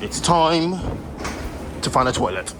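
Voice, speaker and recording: With a high-leaning, very animated voice, a man talks a little slowly as he vlogs casually while traveling by plane and through an airport. Background travel and engine noise is clearly audible.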